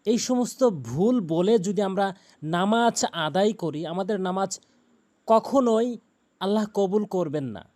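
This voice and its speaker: A man with a Bangladeshi Bengali accent teaching Quran recitation, explaining pronunciation rules and chanting verses slowly and melodically. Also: high-pitched, expressive, a little mellow. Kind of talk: tajweed lesson with recitation.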